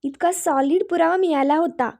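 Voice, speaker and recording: A scheming young woman from a spoken serial recap, sly and gloating. A woman narrator reads her in a very high, soft-edged voice with little change from her own. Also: moderate pace.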